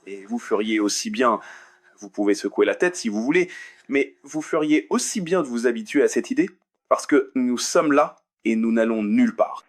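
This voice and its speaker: Man from the US, debate speaker, mid-pitched voice, earnest, addresses the crowd directly, repeats lines for emphasis. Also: animated, moderate pace. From United States. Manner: hesitant fillers while finding verses. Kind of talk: debate speech to an audience.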